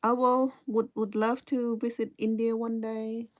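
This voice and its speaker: A woman's voice: fairly high pitch, level tone, unhurried. A middle-aged woman from Cambodia with a Cambodian accent, hesitantly chatting with viewers while teaching crochet and often repeating her words. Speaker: crochet instructor. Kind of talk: casual live-stream chat while crocheting.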